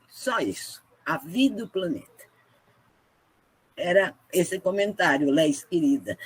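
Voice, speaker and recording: Husky-voiced woman talking earnestly on a video call, keeps checking in with the listeners, a bit of breath in the voice. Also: mid-range voice. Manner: earnest, with frequent tag questions. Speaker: guest speaker at a book launch. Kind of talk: emotional testimony.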